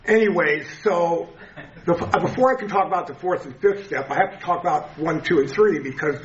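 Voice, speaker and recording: A man's voice: fairly high pitch, brisk. A man in his seventies with a toothless lisp, giving an informal personal testimony to a group. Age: 70s. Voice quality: lisp from missing teeth. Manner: informal, conversational. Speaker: speaker sharing a recovery story at a meeting. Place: echoey indoor meeting room. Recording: muffled, echoey meeting-room recording.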